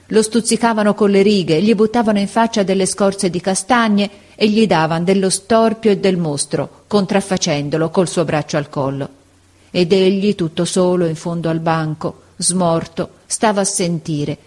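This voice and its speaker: A woman narrating a story aloud in an expressive, deliberate audiobook reading. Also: lowish voice.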